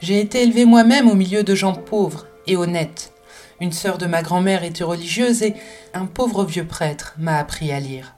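A woman's voice: on the low side, normal speed, darkish tone, faint music behind, lightly acted. A woman voicing a spirited, passionate French woman in an audiobook, talking emphatically and with many exclamations. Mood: emphatic. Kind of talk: audiobook character reading.

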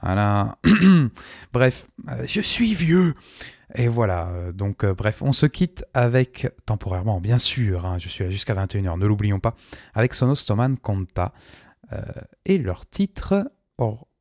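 Male radio host, low-pitched, dry close studio mic, hesitant and chatty between tracks. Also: big pitch swings, unhurried, darkish tone, no echo. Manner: hesitant, many fillers, chuckling asides. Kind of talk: casual radio presenting.

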